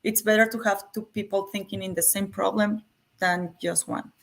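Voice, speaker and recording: A woman's voice: medium pitch, fairly even intonation, moderate pace, vocal fry. Woman with a Mexican accent. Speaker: interview guest, coding school graduate. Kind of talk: casual interview answers.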